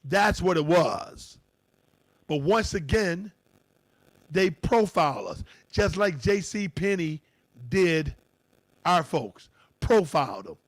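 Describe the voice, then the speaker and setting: A man co-hosting a radio talk show, telling a personal story in an animated, indignant way and acting out the quotes. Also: on the high side, slow pace, long pauses, no echo.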